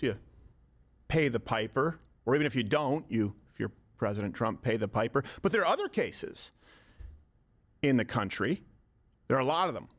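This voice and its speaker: Man making a persuasive case. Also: a little high. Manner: persuasive, rhetorical. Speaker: commentator. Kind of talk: scripted commentary.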